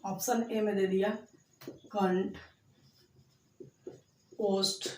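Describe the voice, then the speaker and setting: A man teaching a school exam lesson at a board, explaining slowly and repeating himself, drawing out single sounds to demonstrate them. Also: sits high, flat delivery, slight background noise. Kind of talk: blackboard lesson for school exams. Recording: echoey room, voice far from the mic.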